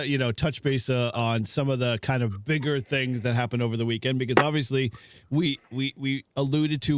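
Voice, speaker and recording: A man's voice: medium pitch, clear, resonant tone, no echo. Rambling man hosting a casual chat. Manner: rambling, many fillers and restarts. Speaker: host.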